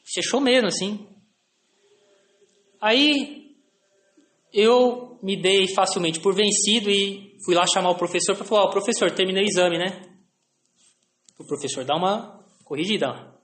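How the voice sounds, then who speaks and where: High-voiced Brazilian man telling stories. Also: measured pace, long pauses, a bit bright, roomy sound. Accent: Brazilian Portuguese. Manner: anecdotal, frequent tag questions, self-deprecating. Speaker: lecturer.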